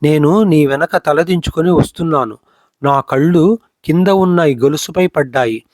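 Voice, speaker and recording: A man voicing an eager young granddaughter who speaks in a hushed way in a storybook reading. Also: on the high side, normal speed, no echo, clean studio sound, close to an everyday voice.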